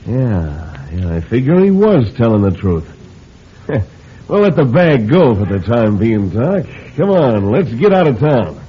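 An actor playing a cold, decisive bandit leader with folksy western wording in an old radio drama. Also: male voice, mid-range voice, big pitch swings, measured pace. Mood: cold, menacing. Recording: muffled, noisy vintage radio recording.

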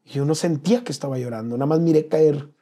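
Man, interview guest, earnest personal storytelling, dark husky tone. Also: on the high side, fast. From Mexico. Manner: earnest, slangy, drops to a hush at painful moments.

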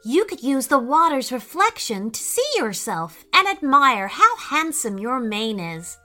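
A kind, eager little boy from a storybook, put on by a woman narrator. The voice sits very high and bright, bouncing up and down as it speaks slowly. Soft music plays underneath. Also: full character voice. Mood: sweet, flattering. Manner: high and excitable.

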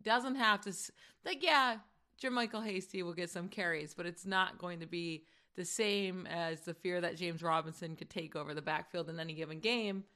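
Woman podcast host, slightly hoarse, crisp bright tone, chatty and quick, loose casual talk. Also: fairly low pitch. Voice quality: chatty, quick, many "like" fillers. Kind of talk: casual chat.

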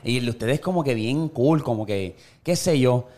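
A man's voice: mid-range voice, moderate pace. A man with a Puerto Rican accent hosting a podcast in casual, slangy chat, reading the sponsor spot himself. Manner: relaxed, slangy, reads ad spots himself. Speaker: podcast host.

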